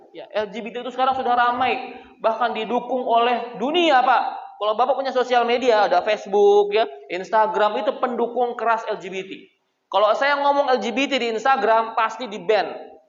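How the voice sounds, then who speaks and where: A man preaching a lively sermon, joking with his audience and calling out to them directly. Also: very high voice, fairly quick. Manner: animated, jokes with the crowd, addresses them as Pak. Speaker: Islamic preacher. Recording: echoey, dull hall recording.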